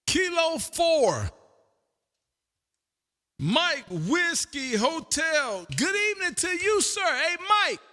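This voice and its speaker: A man hosts a casual ham radio livestream from his home radio room, exuberant, folksy, and chatty. His voice is extremely high and sharp, very animated, and slow with frequent pauses, and it carries a long hall reverb.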